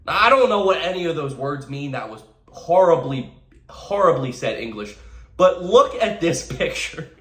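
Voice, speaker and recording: A man's voice: on the high side, sing-song, normal speed, fairly bright tone, reverberant. A man giving casual, sarcastic comedic commentary while reacting to memes, often stammering and repeating himself.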